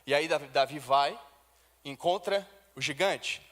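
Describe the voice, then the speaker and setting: A man preaches to his congregation, telling the story in everyday slang and acting out the voices of its characters. His voice sits high for a man. A long reverb from the church hall trails each phrase. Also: measured pace, fairly bright tone. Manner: storytelling with modern slang and acted dialogue. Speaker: pastor. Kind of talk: sermon.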